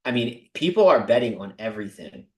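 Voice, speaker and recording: Excitable man hosting a crypto stream. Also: fairly low pitch, a little fast, roomy sound, poor audio. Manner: excitable, talks to viewers directly with many asides. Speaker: crypto livestream host. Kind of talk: casual livestream talk about investing.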